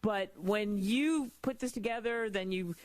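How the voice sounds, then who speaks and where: A woman's voice: mid-range voice, a little slow, a little mellow, dry recording. Woman, radio host, interviewing, encouraging, affirming, dry sound.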